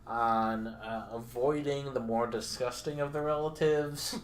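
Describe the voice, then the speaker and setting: Slow, halting man on a podcast. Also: medium pitch, steady tone. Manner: halting, many filler pauses, dry crude jokes. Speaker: podcast co-host. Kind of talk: casual podcast chat.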